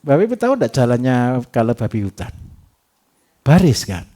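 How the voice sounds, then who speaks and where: A man giving a livestock farming workshop, lively and teasing, who keeps asking his audience rhetorical questions. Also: medium pitch, normal speed. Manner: animated, repetitive, teasing.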